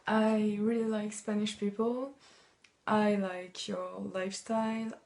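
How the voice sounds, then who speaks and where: A young woman of eighteen answers interview questions in a calm, measured way. Her voice stays flat and even, and she takes her time. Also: mid-range voice. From France.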